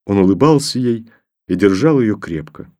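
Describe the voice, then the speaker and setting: A man reads a story aloud in a measured, steady way. His voice sits fairly low and has a soft, mellow warmth. His delivery is even and unhurried, suited to an audiobook. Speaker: narrator. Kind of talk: audiobook narration.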